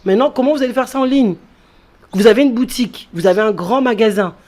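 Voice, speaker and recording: A woman who grew up in France speaks fast in a fairly high, slightly mellow voice as an entrepreneur guest in an interview. She explains things step by step, repeating key phrases for emphasis.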